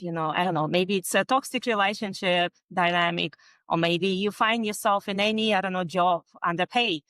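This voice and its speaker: A woman speaks as a panelist offering advice in a relaxed, conversational way with casual fillers. Her voice is at an ordinary pitch and sounds close and dry. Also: no room sound. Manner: warm, conversational, fillers like "you know".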